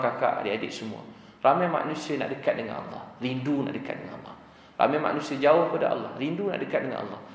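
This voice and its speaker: A man with a Malaysian accent gives a sermon, asking the audience questions and answering them himself. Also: medium pitch. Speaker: preacher. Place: mosque. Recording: echoey mosque hall.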